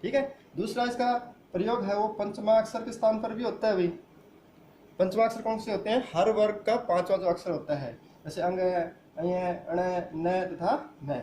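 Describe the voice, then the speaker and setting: A man's voice: high-pitched, moderate pace, mellow, echoey room, slight background noise. A man teaching a grammar lesson who asks the class questions and answers them himself. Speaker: school teacher.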